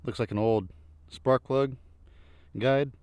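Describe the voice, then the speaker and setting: A man's voice: medium pitch, fairly even intonation, slow pace, a little mellow, slight background noise. A man narrating a casual outdoor treasure-hunting vlog in a folksy way, musing and thinking aloud as he goes. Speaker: vlogger narrating a treasure hunt. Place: outdoors in an old junkyard.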